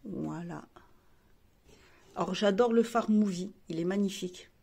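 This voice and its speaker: A woman's voice: mid-range voice, unhurried, gravelly, warm tone, a little hiss or hum. A woman beauty vlogger chatting casually while showing her makeup, rambling with frequent restarts and fillers.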